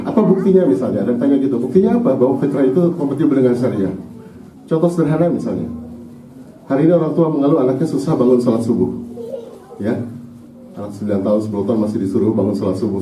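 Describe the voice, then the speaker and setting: An Indonesian man delivers a chatty, quick-paced lecture on parenting and faith to a roomful of parents. His voice is dark and mellow, and he keeps drawing the audience in with questions. He is picked up from a distance in an echoey mosque hall with faint ambient noise. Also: mid-range voice. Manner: conversational, often asks the audience "sepakat?". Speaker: Islamic teacher giving a parenting talk.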